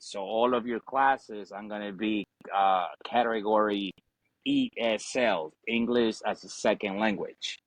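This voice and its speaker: A man's voice: fairly low pitch, no room sound, poor audio. A man in his forties from Ecuador, a Spanish speaker and Marine veteran, chatting casually as a podcast guest with lots of fillers and some swearing. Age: 40s. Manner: easygoing, swears, leans on fillers. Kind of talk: casual chat.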